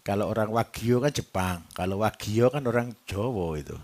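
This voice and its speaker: A man's voice: on the low side, normal speed, a little mellow. A man with a Javanese accent giving a live workshop lecture to farmers, joking and quizzing his audience as he goes. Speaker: livestock trainer.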